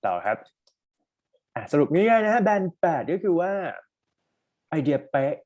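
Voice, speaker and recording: A man with a Thai accent, teaching an IELTS speaking class and mixing Thai with English. He explains step by step, pauses often on "um" and checks in with "okay?" and "right?". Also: sits high, very animated, darkish tone. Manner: frequent "um" and "uh" pauses while searching for words.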